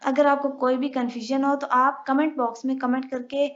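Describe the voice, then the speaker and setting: A young woman teaching a recorded lesson, slowly spelling out letters and their sounds. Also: high-pitched, flat delivery. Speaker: English teacher. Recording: dull lo-fi recording.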